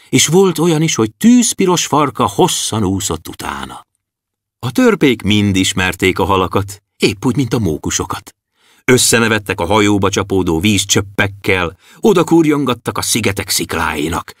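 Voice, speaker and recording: Male children's audiobook narrator, animated and expressive, close studio mic, dry sound. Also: on the low side, no echo. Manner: lively, expressive storytelling.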